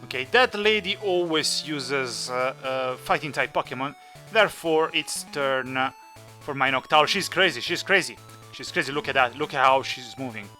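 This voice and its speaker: A man's voice: medium pitch, normal speed, bright, forceful tone, faint music behind. A man hosting a gaming video with casual, playful commentary, teasing the characters as he plays. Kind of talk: casual Let's Play commentary.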